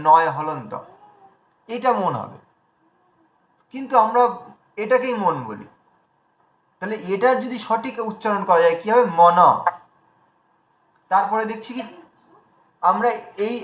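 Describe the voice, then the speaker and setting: Bengali male teacher, high voice, patient explainer, echoey room, online class. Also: a bit bright. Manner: explanatory, spells out letters slowly. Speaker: Sanskrit pronunciation teacher. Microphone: video call.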